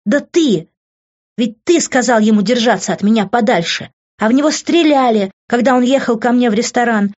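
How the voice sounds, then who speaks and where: A woman voicing a fiery young woman who shouts in anger with her voice breaking. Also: a little high, normal speed, dull audio, voice pushed up, lightly acted. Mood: furious.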